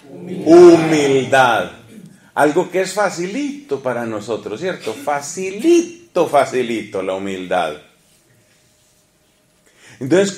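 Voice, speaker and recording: A man preaching a sermon, animated, asking the congregation questions and swinging between loud and hushed delivery. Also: fairly high pitch, echoey room. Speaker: priest preaching.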